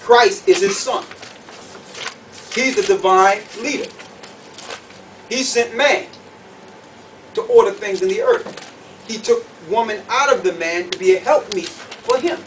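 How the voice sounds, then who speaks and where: His voice is high and fairly bright as he preaches, going through scripture one verse at a time with emphatic, didactic energy. He often pauses to check understanding with brief questions, and the mic is distant, picking up faint background noise.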